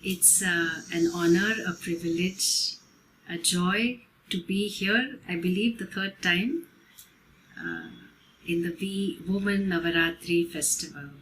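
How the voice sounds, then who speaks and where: A woman spiritual teacher giving a devotional talk at a festival, explaining terms in a measured, gentle way. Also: on the low side, slight background noise, poor audio.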